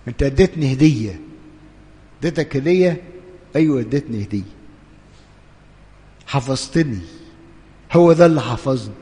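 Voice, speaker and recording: A man with an Egyptian Arabic accent preaching a sermon as a priest, swinging between hushed urging and loud, impassioned pleading. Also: medium pitch, expressive, moderate pace, long pauses, long reverb tail.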